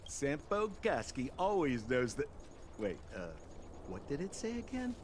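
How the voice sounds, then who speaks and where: A man's voice: medium pitch, huge pitch swings, unhurried, a little mellow, slight background noise. A man voicing a glib, playful young trickster in a game. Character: sly, smooth-talking young male trickster. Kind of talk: game voice acting. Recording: game audio with music.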